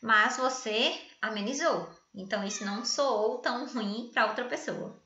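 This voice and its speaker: A woman's voice: on the high side, unhurried, sharp tone. A woman teacher explaining grammar in a chatty, playful way, often checking in with her listeners. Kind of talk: grammar lesson. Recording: echoey room, dull lo-fi sound.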